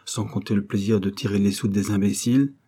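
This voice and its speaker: A man's voice: lowish voice, steady tone, a little fast, dark tone, husky. A man voicing a cocky young male street rascal in an audiobook, grumbling and indignant in slangy speech.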